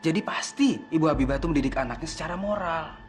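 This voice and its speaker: Brief: firm, admonishing man who talks fast, played by an actor. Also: on the high side, lively intonation, soft background music, lightly acted.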